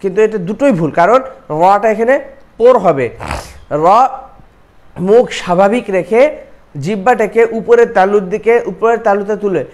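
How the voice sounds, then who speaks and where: A man's voice: high voice, moderate pace, pauses often, a little mellow. A man teaching Quran recitation, explaining pronunciation and repeating syllables to drill them. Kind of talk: recitation lesson with slow chanting and quick explanation.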